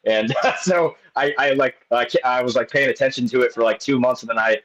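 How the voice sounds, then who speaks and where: A man's voice: mid-range voice, fairly even intonation, fairly quick, fairly bright tone, lo-fi sound. A man in his late thirties, a guest in casual chat, rambling along with many restarts and fillers. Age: 30s.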